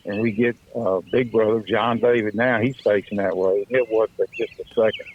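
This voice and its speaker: A man's voice: fairly low pitch, fairly even intonation, normal speed, noisy background. A man telling a hunting story in a folksy, easy-going voice-over. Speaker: hunting show host. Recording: dry, phone-like thin sound.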